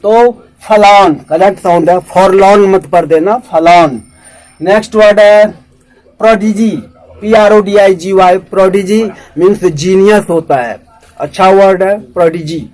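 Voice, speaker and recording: A man with an Indian accent teaching English vocabulary in Hindi, spelling each word out and repeating it slowly. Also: high-pitched, fairly even intonation, darkish tone, rough recording.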